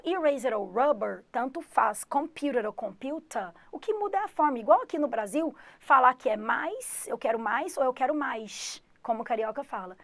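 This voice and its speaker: A woman's voice: fairly high pitch, no room sound. A woman from Goiás with a Goiás Brazilian Portuguese accent, teaching an online English lesson and speaking straight to her students. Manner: lively, addresses students directly, repeats key words.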